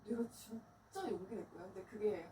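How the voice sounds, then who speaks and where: A woman's voice: medium pitch, normal speed, warm tone. A woman deaconess talking with her pastor, eagerly agreeing and sharing her experience. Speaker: church deaconess. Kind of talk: conversational testimony.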